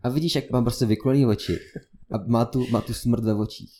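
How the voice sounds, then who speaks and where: A young man telling a story in casual chat, lively and full of fillers. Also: medium pitch, a little hiss or hum. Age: young adult. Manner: animated anecdote telling with many fillers.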